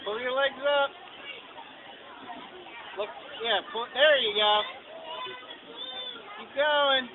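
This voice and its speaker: Man, very high voice, climbing coach urging someone on in short commands. Tinny, noisy outdoor sound. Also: takes it slowly, a crowd in the background. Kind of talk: casual shouted encouragement and instruction.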